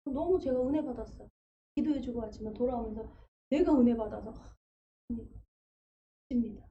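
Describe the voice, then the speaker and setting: A woman's voice: a little high, a little fast, dull audio, slight background noise. A woman pastor preaching a sermon in a conversational, storytelling way, acting out quotes as she goes. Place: church sanctuary.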